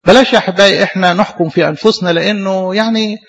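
A man's voice: sits high, very fast, gravelly, fairly bright tone. A man with an Egyptian Arabic accent preaching a sermon, asking rhetorical questions and repeating phrases for emphasis.

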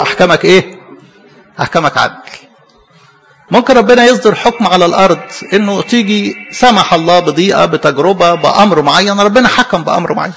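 A man's voice: sits high, a bit bright, long reverb tail. A middle-aged man with an Egyptian Arabic accent, a priest preaching a sermon who keeps asking rhetorical questions and answering them himself, and who tells stories with acted quotes.

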